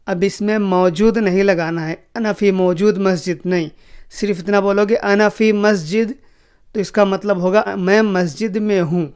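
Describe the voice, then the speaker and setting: A man teaching a spoken language lesson, slowly repeating each phrase for learners. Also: high-pitched, fairly even intonation, clear, resonant tone. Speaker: Arabic teacher.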